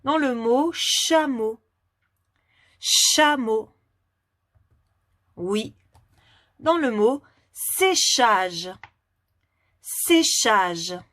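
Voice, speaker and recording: Woman, phonics teacher, very slow, patient, clear articulation, dry close sound. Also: on the high side, lively intonation, a bit bright, no room sound. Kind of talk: phonics lesson for young children.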